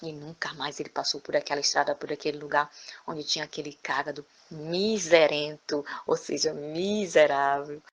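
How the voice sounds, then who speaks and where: A woman storyteller telling a folk tale in an animated way, often adding tag questions. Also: low voice, a little fast. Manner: lively, frequent tag questions.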